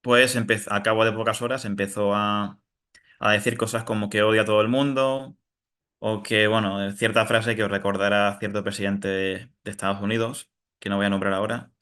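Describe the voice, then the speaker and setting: A man's voice: lowish voice, little pitch movement, moderate pace, a bit bright, clean tone. A man from giving an informal technical webinar talk, explaining through everyday analogies and often checking in with "¿no?". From Spain, south of Madrid. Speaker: webinar presenter.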